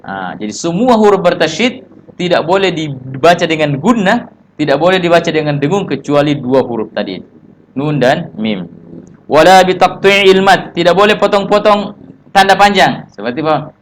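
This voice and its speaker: Indonesian male tajwid teacher, fairly high voice, short explaining phrases, slow chanted recitations. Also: big pitch swings. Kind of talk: religious tajwid lesson with recited examples.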